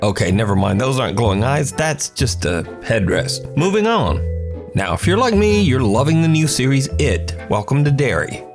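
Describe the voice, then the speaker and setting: Lively man narrating spooky clips. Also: mid-range voice, normal speed. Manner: dramatic, playful storyteller. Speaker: host narrating viral videos. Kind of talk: scripted narration. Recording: background music.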